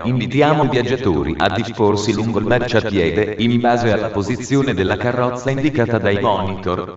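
A man giving automated train announcements as a railway station announcer, in a formal, measured way with segmented phrasing. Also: on the low side. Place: large railway station, heard over loudspeakers. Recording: muffled, very echoey station PA, distant.

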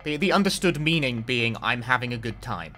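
Lively streamer, swearing and rambling. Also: male voice, medium pitch, brisk, soft background music. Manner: rambling, self-mocking, swears, frequent "like". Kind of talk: casual live-stream commentary while gaming.

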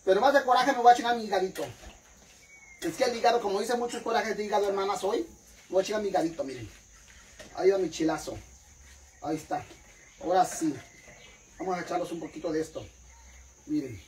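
The vlogger's high voice is brisk but broken by long pauses, with a little hiss or hum on the low-quality audio. Eating as he rants to followers, he stays theatrical, profane and mock-indignant, repeatedly calling viewers "sisters."

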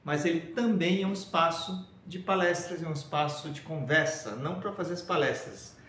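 A man's voice: fairly high pitch, moderate pace, fairly bright tone. Upbeat São man, echoey room. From Brazil. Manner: upbeat, addresses viewers directly. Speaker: professional speaker. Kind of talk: casual direct-to-camera pitch. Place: indoor studio room with shelves.

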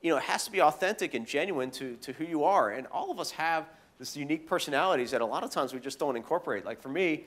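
A man telling goofy stories in a casual interview, animated and full of fillers. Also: fairly high pitch, fast, few pauses. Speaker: guest speaker.

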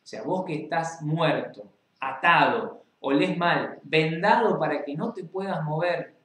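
Rioplatense male preacher, fairly high voice, reads scripture and speaks straight to the listener, roomy echo. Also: unhurried, fairly bright tone. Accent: Rioplatense Spanish. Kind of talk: Bible reading and preaching.

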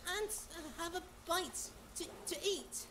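A woman doing a squeaky eager young colt. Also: takes it slowly, noisy background. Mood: stammering. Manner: excited, stammering.

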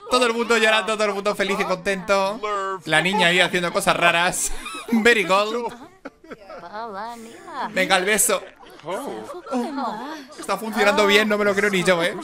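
A man giving casual, excitable and emotional commentary on a life-simulation game. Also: sits high, quick pace, a crowd in the background. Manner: excitable and emotional, exclaims and giggles. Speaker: gaming video host.

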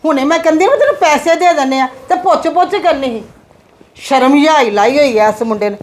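A woman's voice: a little high, moderate pace, natural voice. An actress playing a strict, frugal mother of two sons in a family drama, lecturing in an exasperated, scolding way. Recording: echoey room with faint noise.

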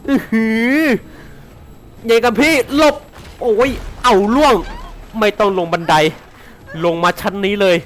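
Excitable man with a high, bouncy voice. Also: a little slow, pauses often, a little hiss or hum. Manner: excitable, swears and shouts often; laughs a lot. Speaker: gaming YouTuber. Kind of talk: excitable gameplay commentary.

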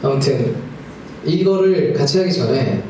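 A man's voice: mid-range voice, lively intonation, unhurried, mellow, a little hiss or hum. A man in his thirties, a singer-songwriter talking in a friendly, slightly nervous way with his audience between songs. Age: 30s. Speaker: singer-songwriter performing live. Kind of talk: stage banter between songs. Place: small live music club. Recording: echoey live club, distant mic, music behind.

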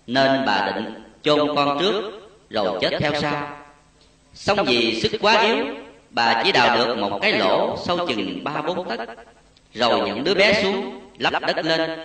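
A man reading a Buddhist memoir story aloud in a solemn, slow way, with a rising and falling voice, recorded far from the mic in an echoey space. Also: mid-range voice. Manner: slow, solemn, lively rise and fall. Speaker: narrator. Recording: echoey and distant.

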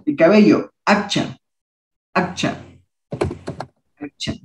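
A young man teaching a language workshop, patiently repeating each word slowly so students can copy its pronunciation. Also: high voice, animated, vocal fry, echoey room. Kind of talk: teaching a class.

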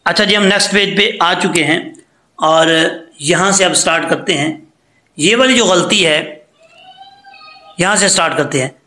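Bright high-voiced man teaching recitation. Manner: patient, explains step by step, then chants slowly. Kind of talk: tajweed lesson with recited examples.

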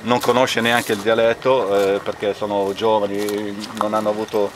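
A man's voice: fairly low pitch, flat delivery, normal speed, background noise. A man with a Lombard Italian accent, speaking hesitantly with many fillers, then reading a dialect poem at an outdoor commemoration. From Castano area, Lombardy. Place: outdoors at a memorial bike ride.

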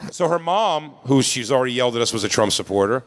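A man's voice: medium pitch, fast talker. A man telling a comedic story on a podcast, acting out the dialogue and laughing as he goes. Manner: animated, acts out dialogue, laughs mid-story. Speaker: podcast co-host.

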